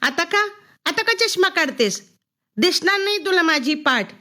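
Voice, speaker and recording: A woman voicing a defiant sixth-grade girl who shouts bitterly at her mother. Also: sits high, sing-song, a little slow, full character voice. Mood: shrill defiance.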